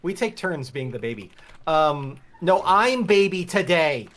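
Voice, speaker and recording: A man's voice: on the high side, sing-song, a little slow, a bit bright. A man in his forties chatting casually during a co-op game, teasing and joking with his friends. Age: 40s. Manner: teasing, playful. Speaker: co-op player. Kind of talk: casual gaming chat.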